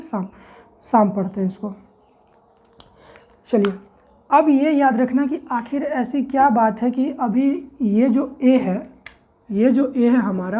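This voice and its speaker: In this English pronunciation lesson, a woman with a slightly high, mellow voice works like a classroom teacher. She asks herself questions and answers them, spelling out each word slowly, one letter at a time.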